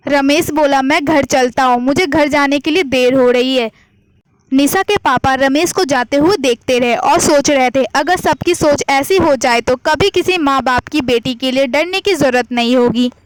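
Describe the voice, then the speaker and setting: High-voiced woman narrating a story. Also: moderate pace, no room sound.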